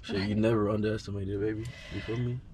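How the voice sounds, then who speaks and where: Give me a fast-talking young man from Trinidad hosting a street prank, smooth and persistent with slang. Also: fairly low pitch, flat delivery, a crowd in the background.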